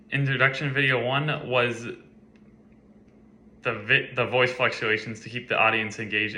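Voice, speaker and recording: Young man with a very bright voice. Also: mid-range voice. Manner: casual, conversational, with some filler words. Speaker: college student. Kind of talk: recorded class reflection talk.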